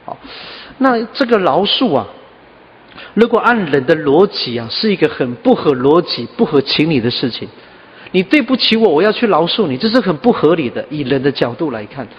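A man delivers a sermon in a slightly high voice, with frequent soft "ah" and "ha" fillers. The recording is dull and muffled. His voice rings with long reverb in a church hall. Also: sing-song, moderate pace. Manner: scattered with "ah" and "ha" fillers, earnest. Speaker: pastor.

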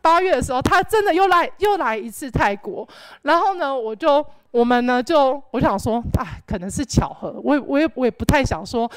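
Young woman, faith testimony, rambling, animated, fairly high voice, dry sound. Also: fairly quick, clear, resonant tone, no room sound. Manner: rambling and animated, with many filler "then"s. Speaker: church member giving testimony.

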